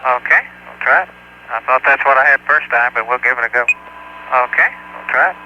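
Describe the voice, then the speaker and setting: An astronaut in flight speaks to mission control in a clipped, matter-of-fact way over a distant space-to-ground radio link that keeps breaking up. His mid-range voice has a sharp tone at a normal speed, and the archival audio is muffled with hiss.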